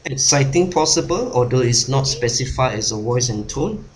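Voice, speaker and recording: Lively man coaching on a call. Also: medium pitch, moderate pace, crowd noise. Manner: repeats points, tags lines with huh. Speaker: speaker and coach. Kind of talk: online workshop talk. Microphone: video call.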